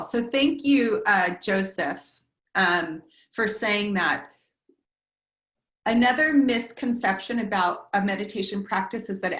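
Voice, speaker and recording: A woman meditation teacher giving a gentle, reflective talk on a video call, slowing down to list words one by one. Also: medium pitch, echoey room. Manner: gentle, reflective, lists words in slow cadences.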